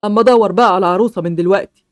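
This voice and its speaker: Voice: medium pitch, racing, no room sound, clean studio sound, natural voice. A performer voicing a stubborn, harsh middle-aged father who wants a son, speaking in an Egyptian accent in an amateur game movie. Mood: smug. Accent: Egyptian Arabic. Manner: blunt, stubborn, dismissive.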